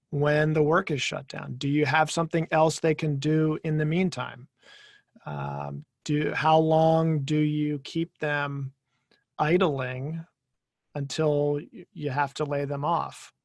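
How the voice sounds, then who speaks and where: A man giving a professional webinar talk as an attorney, measured and explanatory, with fillers and repeated words. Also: fairly high pitch, no room sound.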